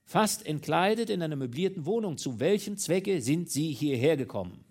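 A man's voice: on the high side, lively intonation, moderate pace, a little mellow, voice pushed up. A man reading an audiobook, voicing a formal and insistent male police commissioner who questions people. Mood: stern questioning. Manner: formal, commanding.

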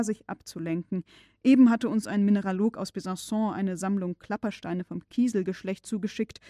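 A woman narrating an audiobook in a calm, measured storytelling voice, recorded close on a studio microphone. Her pitch sits in a middle register, and the sound is dry with no room echo. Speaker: audiobook reader. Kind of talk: scripted narration of a classic novel.

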